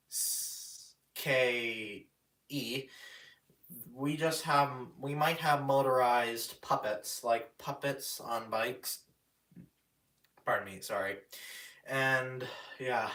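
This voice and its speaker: Slow, halting man on a live stream. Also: medium pitch, fairly even intonation, sharp tone. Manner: halting, many restarts and fillers. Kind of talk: rambling casual live stream chat. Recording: roomy echo, mic at a distance.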